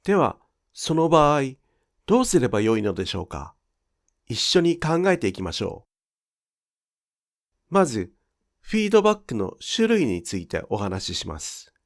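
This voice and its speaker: Man explaining in a lively voice. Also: mid-range voice. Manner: clear, measured explanatory delivery. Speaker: Japanese pronunciation teacher. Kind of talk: scripted instructional narration.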